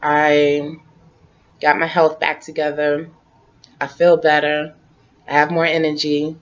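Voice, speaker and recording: A vlogger in her late forties chats casually to the camera from her living room couch, relaxed and rambling, often repeating herself. Her voice is low and slow, recorded on a webcam with dull lo-fi audio.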